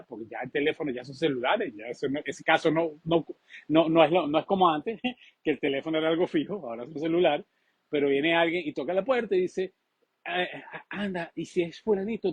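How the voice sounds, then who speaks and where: A man preaching a sermon with a husky voice, animated and acting out the voices he quotes. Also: fairly high pitch, fairly quick, no room sound. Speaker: pastor.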